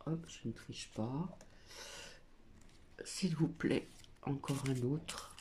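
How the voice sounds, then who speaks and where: A woman's voice: rumbling low, very slow, a little mellow, slight background noise. A woman doing a casual spiritual card reading at a small table at home, hesitant with many fillers as she reads card texts aloud. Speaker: oracle card reader.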